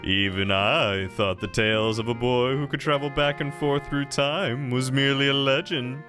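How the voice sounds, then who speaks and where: A man's voice: mid-range voice, fairly even intonation, normal speed, natural voice. A man voicing a mysterious young warrior who gives cryptic, solemn advice in a slightly raised voice. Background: game music.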